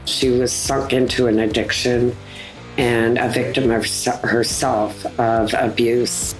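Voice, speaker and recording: A woman's voice: rumbling low, little pitch movement, takes it slowly, roomy sound, faint music behind, low-quality recording. A woman in her sixties recounting events bluntly in an interview. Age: 60s. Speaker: interviewee, community member.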